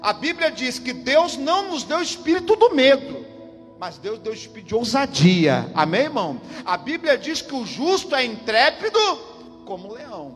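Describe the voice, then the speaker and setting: A high-pitched Brazilian man preaches fervently, repeating his points and calling out to the congregation. The recording carries the long reverb of a church hall, with music playing clearly behind him. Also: very animated, normal speed, fairly bright tone. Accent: Brazilian Portuguese. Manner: emphatic, repeats lines, calls out to the congregation. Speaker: pastor. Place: church service.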